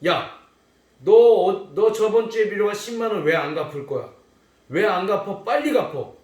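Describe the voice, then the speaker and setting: A man's voice: high-pitched, fairly quick, recorded from a distance, lightly acted. A man voicing a male servant in debt who begs desperately and then bullies his friend, in an echoey room. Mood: angry.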